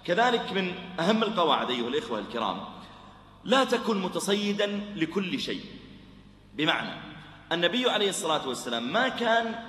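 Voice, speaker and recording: A quick-talking man preaches with anecdotes, animated and acting out both sides of each exchange. His voice is bright and forceful, sitting a little high. It booms around an echoey hall with a long reverb and faint background hum. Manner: animated, acts out dialogue, drops to soft voice for gentle quotes. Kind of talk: religious lecture with storytelling.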